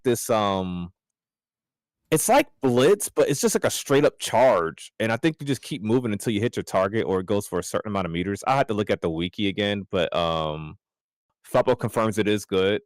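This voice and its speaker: A man co-hosting a casual gaming podcast, rambling and excitable, his voice jumping up high when he jokes. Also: no echo, clean studio sound. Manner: excitable, rambling, jumps up in pitch when joking. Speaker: podcast co-host.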